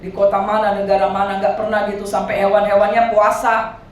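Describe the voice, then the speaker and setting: A woman pastor with a Medan accent, preaching a sermon in an animated way and calling for answers from the congregation. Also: medium pitch, brisk, a little hiss or hum. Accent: Medan Indonesian. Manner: animated preaching with call-and-response. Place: church hall. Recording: echoey church hall from far off.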